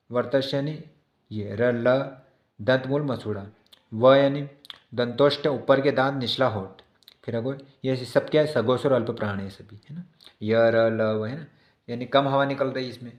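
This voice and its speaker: A man's voice: mid-range voice, echoey room. A male teacher giving an exam-prep lesson who repeats each definition and keeps checking in with his listeners.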